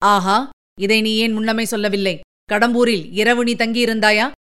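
Brief: a woman playing a proud middle-aged commander in a radio story, curt and commanding, fairly high-pitched. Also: little pitch movement, moderate pace, a bit bright, clear, resonant tone, close to an everyday voice. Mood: brusque.

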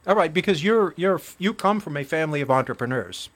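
A man's voice: a little high, expressive, fairly quick, fairly bright tone. Chatty, self-mocking male podcast host. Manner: chatty, self-deprecating, repeats words. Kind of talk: casual interview.

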